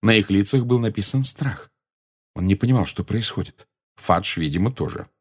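A man reading a novel aloud as an audiobook narrator, with expressive storytelling. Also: fairly low pitch, moderate pace, breathy edge.

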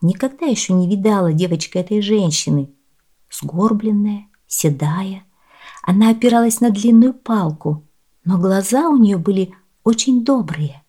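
Expressive woman telling a fairy tale. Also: mid-range voice, measured pace, husky. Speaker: storyteller. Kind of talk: scripted fairy-tale narration.

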